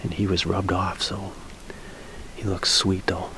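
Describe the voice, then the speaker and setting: A man whispering to the camera from a tree stand outdoors, shaking with excitement as he narrates his hunt. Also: deep voice, measured pace, noisy background. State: shaking with adrenaline. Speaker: hunting vlogger.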